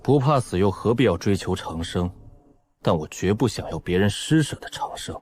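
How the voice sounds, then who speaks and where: A man playing a calm, shrewd young cultivator hero who speaks in a reasoning way. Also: sits low, moderate pace, lightly acted.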